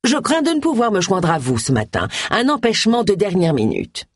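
A woman voicing a male village pastor who politely and slowly dodges a question, in an audiobook. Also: medium pitch, huge pitch swings, breathy edge, no room sound, clean studio sound, pitched above the performer's own voice. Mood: evasive.

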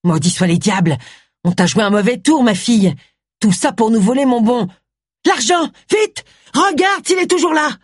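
A woman's voice: medium pitch, moderate pace, darkish tone, slightly rough, dry recording, studio quality, lightly acted. A woman voicing a crude, scolding old mother who is a village witch, in an audiobook. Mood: furious.

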